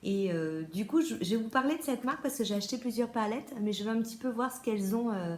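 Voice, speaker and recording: A woman's voice: a little high, fast, darkish tone, echoey room. A French-accented woman chatting casually through a beauty haul as a vlogger, with many fillers and restarts.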